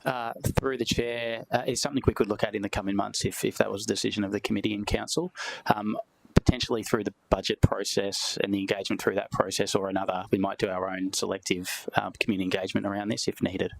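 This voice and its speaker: Brisk, gravelly Australian council officer. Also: male voice, on the low side, little pitch movement, poor audio. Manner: brisk, formal, "through the chair". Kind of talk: answering questions at a meeting.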